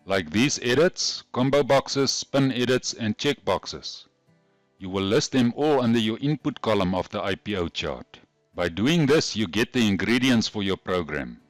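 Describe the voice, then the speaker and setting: Male tutorial host, broad South African Afrikaans accent, lowish pitch, dry close sound, methodical scripted teaching. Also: no room sound. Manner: methodical, instructional, carefully explained. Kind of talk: scripted lesson narration.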